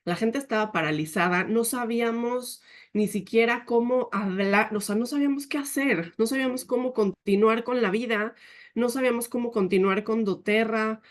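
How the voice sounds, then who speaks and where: A woman giving a leadership talk, telling a personal story in an earnest, emotional way. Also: medium pitch. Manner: often quotes herself and others.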